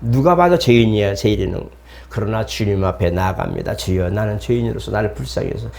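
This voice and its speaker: A man's voice: fairly low pitch, fairly quick, vocal fry, a little mellow. A middle-aged man preaching a sermon as pastor, in a conversational way, acting out the voices of the people he quotes.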